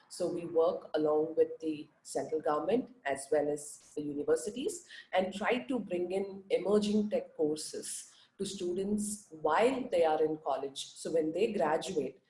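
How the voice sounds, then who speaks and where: A woman's voice: sits low, a little mellow, echoey room, rough recording. A woman from India speaking on an online panel over a video call, with a groggy early-morning voice and many "you know" fillers.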